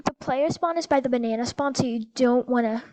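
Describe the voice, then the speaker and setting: Female game host, high pitch, excitable, coaching a friend; dry close recording. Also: a little fast, dry recording, rough recording. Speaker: gameplay video host. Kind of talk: casual gameplay chat.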